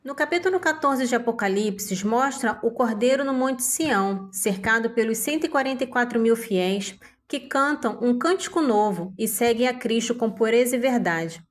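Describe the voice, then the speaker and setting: A woman calmly reading Bible passages and short summaries in an even, measured way. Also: on the high side. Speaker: Bible reader.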